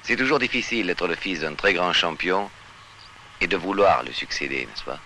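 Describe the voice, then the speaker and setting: A man's voice: low voice, lively intonation, moderate pace, bright, forceful tone. A man interviewing people as a reporter, asking probing questions on a 1960s report. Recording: old 1960s film sound, noisy.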